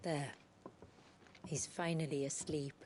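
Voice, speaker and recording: An actress playing a calm, protective warrior woman in a video game cutscene, speaking in a measured, gentle, solemn way over music. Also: low-pitched, slight background noise. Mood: tender, resolute. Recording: music behind the voice.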